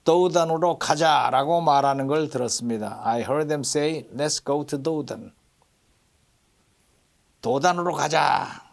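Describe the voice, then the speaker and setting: Slow-talking male English teacher. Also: fairly high pitch, gravelly. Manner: explains slowly, repeats English phrases with stress. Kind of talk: bilingual English lesson.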